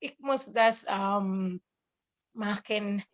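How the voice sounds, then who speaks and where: In a casual German-and-English interview, a nurse from the Philippines working abroad stops now and then to search for words and laughs often. She speaks with a Filipino accent, her first language being Cebuano. Her mid-range voice is very slow.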